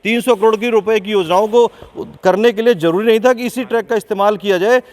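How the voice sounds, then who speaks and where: A man's voice: sits high, fast talker, darkish tone. A man reporting live from inside a large indoor sports hall, questioning and accusing as he speaks. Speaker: field reporter. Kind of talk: on-the-spot news report. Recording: long echo of a big hall.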